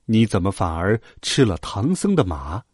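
A man voicing a stern but motherly female bodhisattva in a children's story, speaking slowly and softly. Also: lowish voice, very animated, slightly rough, no room sound, clean studio sound, voice pushed down. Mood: stern gentle. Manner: slow, soft, lecturing.

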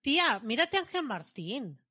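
A woman, speaking as a guest in an easygoing podcast chat. Her voice sits a little high, recorded close and dry with no room around it. She talks things through in an informal, slangy way. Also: very animated, moderate pace, pushed and bright, husky, no echo. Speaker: podcast guest, marketing automation specialist. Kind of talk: casual chat.

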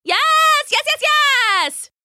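A clever young female rabbit from a storybook, her voice pitched very high and squeaky, as a woman reading aloud puts her on. She sounds bright and eager, with quick, lively leaps in her tone. The sound is dry and close. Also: no room sound, full character voice. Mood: excited. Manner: squeaky, excited and pleading.

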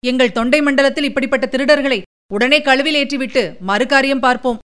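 A woman's voice: high voice, steady tone, a bit bright, clean tone. A woman reading as a bold, brash young warrior. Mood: indignant. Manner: quick, indignant, demanding. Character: bold young male warrior envoy, sharp-tongued.

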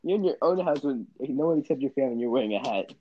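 A man's voice: mid-range voice, lively intonation, very fast, muffled recording, over a noisy crowd. A teenage guy hosting a casual video-call chat with friends, teasing and laughing often. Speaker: host.

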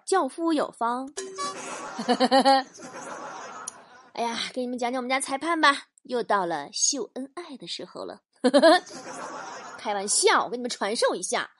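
Lively woman host with a bright, swooping delivery who tells comic stories and laughs at her own jokes. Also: on the high side, slight background noise. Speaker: comedy talk show host. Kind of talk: comic storytelling monologue.

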